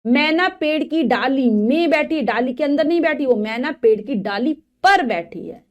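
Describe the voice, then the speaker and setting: A woman's voice: high-pitched, lively intonation, unhurried, lo-fi sound. A woman teacher giving a Hindi grammar lesson to children, patiently correcting words one by one in a Hindi accent. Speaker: school teacher.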